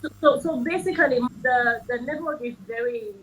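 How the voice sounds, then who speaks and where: A woman's voice: high-pitched, moderate pace, low-quality recording. A woman from Gambia speaking as a panel guest over a video call with a breaking-up connection, hesitant, with many fillers and restarts. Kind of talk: remote panel discussion.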